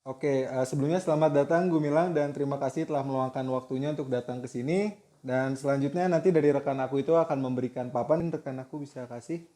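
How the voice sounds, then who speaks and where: A man's voice: medium pitch, fast, warm tone. Young guy hosting a student chat, polite, kinda hesitant, lots of ums. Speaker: interviewer.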